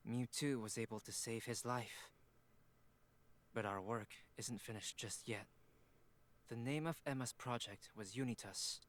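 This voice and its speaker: A man's voice: on the low side, fairly bright tone. A man playing an earnest young son in video game cutscene dialogue. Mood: determined. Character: earnest young man reunited with his father. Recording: music behind the voice.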